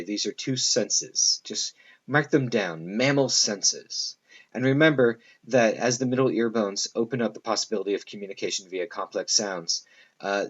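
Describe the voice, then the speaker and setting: A man lecturing a class in a relaxed, rambling way, stopping for fillers and quick asides to the room. His voice sits a little low. The recording is dull and lo-fi. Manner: loose, conversational, many fillers and asides to students.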